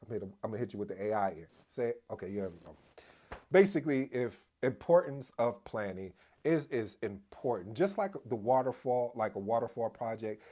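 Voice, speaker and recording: A man's voice: medium pitch, brisk. Chatty man explaining project management. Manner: energetic, talks straight to viewers as "family"; restarts and repeats himself as he talks. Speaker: project management video host. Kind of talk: casual explainer talk to camera.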